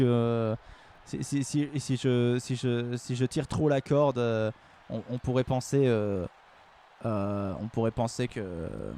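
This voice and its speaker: A man commentating battles live on a stream, joking and rambling, with bursts of shouted hype. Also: mid-range voice.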